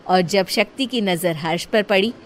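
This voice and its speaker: A woman's voice: mid-range voice, moderate pace, a little hiss or hum. A woman reading scripted story narration as the storyteller. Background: music.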